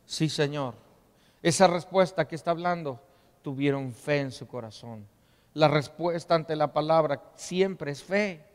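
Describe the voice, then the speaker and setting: In a church hall full of long reverb, a pastor reads scripture and leads his congregation in repeating phrases back to him. His voice is fairly high-pitched and his delivery a little slow.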